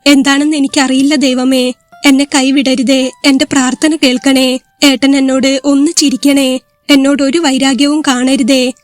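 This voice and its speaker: A woman's voice: high-pitched, flat delivery, normal speed, no room sound, faint music behind, close to an everyday voice. A woman voicing an anxious young bride who pleads in prayer, in a storybook reading. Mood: pleading. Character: frightened young bride praying.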